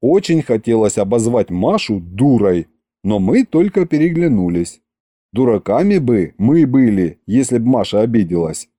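Lively, wry male audiobook narrator. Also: mid-range voice, moderate pace, dry recording, studio quality. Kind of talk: scripted narration.

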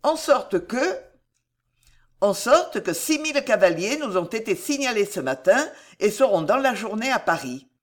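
A woman's voice: a little high, very animated, a little slow. A woman reading an audiobook, voicing a loyal male captain of the guard in an earnest, insistent way. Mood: insistent report. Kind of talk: audiobook character voice.

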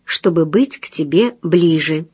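A woman's voice: on the high side, animated, measured pace, no echo, clean studio sound. Woman voicing an earnest young man in love. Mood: coaxing. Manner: pleading, insistent.

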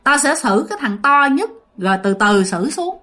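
A woman voicing an angry, hungry male ghost of dead soldiers who speaks through a possessed woman and makes loud threats. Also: high voice, very animated, normal speed, full character voice. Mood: angry, demanding.

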